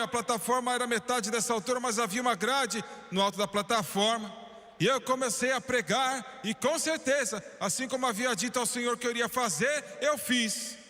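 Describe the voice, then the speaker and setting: A fervent preacher with a Brazilian Portuguese accent, his voice high and bright as he tells his story. He drops to a hush, then pushes out strong, emphatic lines. A long hall reverb trails behind every phrase. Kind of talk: dubbed sermon storytelling.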